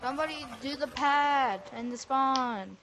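A woman chatting casually during a co-op game, bossing her teammates around with quick orders. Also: high voice, noisy background. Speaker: gamer. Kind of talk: casual co-op gaming chat.

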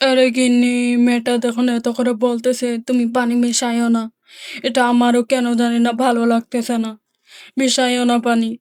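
A woman voicing a tired, gentle village father who mildly persuades his wife in a doll story. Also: fairly high pitch, completely flat delivery, dry recording, clean studio sound, close to an everyday voice. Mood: persuading. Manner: slow, mild persuading.

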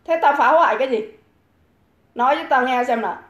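A woman's voice: high voice, brisk, dull audio. A woman hosting a livestream, ranting combatively and hurling insults and taunts at her critics. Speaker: livestream host. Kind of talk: profane livestream rant. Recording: echoey room.

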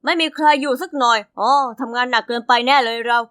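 A woman voicing a busy, indulgent middle-aged father in an animated story, speaking in a lowered, easygoing way. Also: fast talker, no room sound, clean studio sound. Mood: puzzled.

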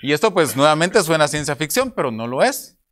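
This is a young man from Guatemala, Guatemalan Spanish accent and all, giving an explanatory talk on an academic conference panel with rhetorical questions mixed in. His fairly high, slightly bright voice is very animated and fairly quick, picked up by a table mic. Slides are projected in the conference room.

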